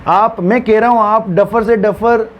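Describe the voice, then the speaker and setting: High-voiced man retelling a story in class. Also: fairly even intonation, a little slow, muffled recording, a little hiss or hum. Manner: acts out stammering and dialogue while retelling. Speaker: teacher. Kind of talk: storytelling lesson explanation.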